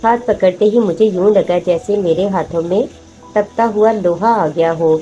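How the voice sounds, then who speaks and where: A woman reading a horror story aloud in a steady, measured storytelling manner. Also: mid-range voice, dull audio. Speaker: narrator. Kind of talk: scripted horror story narration. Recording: faint music behind.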